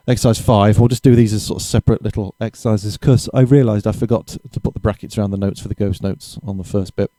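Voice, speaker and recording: A man giving a casual drum lesson, chatty and relaxed, correcting himself and counting beats aloud, with drums played between his explanations. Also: fairly low pitch, fast, few pauses, no echo. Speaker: drum teacher. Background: drumming between explanations.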